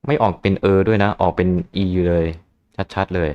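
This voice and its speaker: Deep-voiced man musing over gameplay. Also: steady tone, normal speed, dull audio. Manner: musing, chatty. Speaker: game streamer. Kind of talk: casual gameplay commentary. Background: game music.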